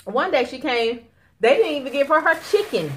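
A woman with a high voice hosts a casual mukbang eating show at home. She is chatty and given to complaining, talking straight to her viewers as y'all. There is some faint noise in the recording. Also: lively intonation, normal speed. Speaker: mukbang host. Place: dining table in a home living room. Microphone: camera across the table. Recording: noisy home room recording.

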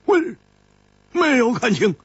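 A man voicing a carefree young swordsman who drinks hard, speaking softly and hesitantly. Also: extremely high pitch, very animated, takes it slowly, breathy edge, no echo, pitched above the performer's own voice, full character voice. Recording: dull lo-fi recording.

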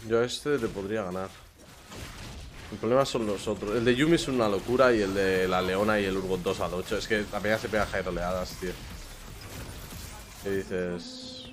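A man's voice: fairly low pitch, normal speed, pauses often, noisy background. A young man with a Spain Spanish accent giving live commentary while he streams a game, swearing, grumbling and pleading over and over.

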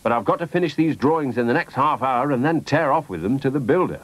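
A man's voice: medium pitch, expressive, fast, natural voice, low-quality recording. A man voicing a busy, apologetic father in a children's radio story. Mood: hurried. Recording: faint music behind.

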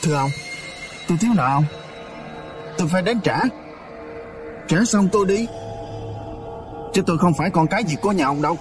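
A man's voice: a little high, a little fast, long pauses, music in the background, pitched above the performer's own voice, natural voice. A man voicing a detached son who speaks in a matter-of-fact, distant way. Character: cool detached son repaying a debt.

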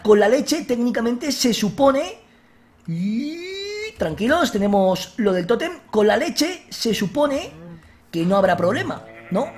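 A man with a Spain Spanish accent hosting a let's-play, excitable, shouting at enemies and joking with viewers. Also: high voice. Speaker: gaming video host.

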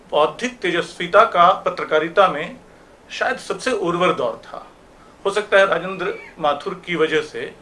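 High-voiced man reminiscing at a memorial. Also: a bit bright. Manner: reminiscing, storytelling with anecdotes. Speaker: speaker at a memorial meeting. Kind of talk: reflective memorial talk. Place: auditorium.

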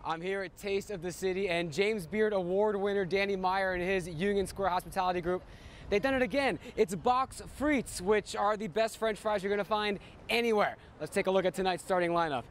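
A young man hosting a pregame baseball show, delivering scripted segments with energetic, promotional punch from around the ballpark. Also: high-pitched, brisk, slight background noise. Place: ballpark concourse and museum.

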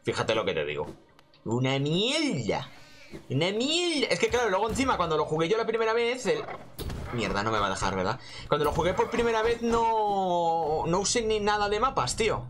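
A man's voice: sits high, big pitch swings, fairly quick, a bit bright, soft background music. A man with an accent from Spain giving casual gameplay commentary in a rambling, slangy way with lots of swearing. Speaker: gaming host.

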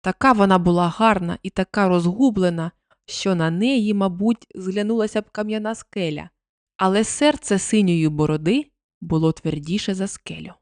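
A woman narrating a fairy tale for an audiobook in a measured, expressive reading. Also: mid-range voice, no echo, studio quality.

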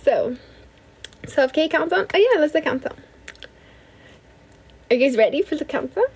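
High-voiced young woman chatting on a phone livestream. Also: animated, moderate pace, a little mellow, slight background noise. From Brazil. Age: young adult. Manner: chatty, thanks viewers often, switches between languages. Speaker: livestream host. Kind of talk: casual livestream chat. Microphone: phone at arm's length.

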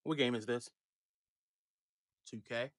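A man's voice: medium pitch, fairly even intonation, slow pace, fairly bright tone, no room sound. A stern, suspicious mother from a comedy skit, played by a man. She speaks in short, bossy orders, and the sound is very dry. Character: stern, suspicious mother checking on gaming son.

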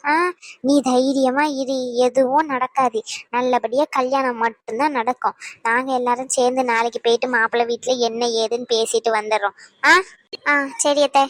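Chatty middle-aged village aunties give homely advice and comfort, all voiced by one woman. The voice sits high and is recorded close and dry, with no room sound. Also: no echo, lightly acted. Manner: homely, advising, consoling. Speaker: voice actor. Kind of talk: cartoon voice acting.

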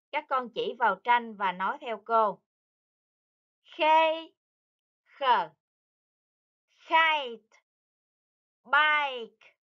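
A woman teaching English to young children, speaking slowly and carefully and repeating each word for them to copy. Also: a little high, muffled recording. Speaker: primary school English teacher. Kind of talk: online lesson for young children.

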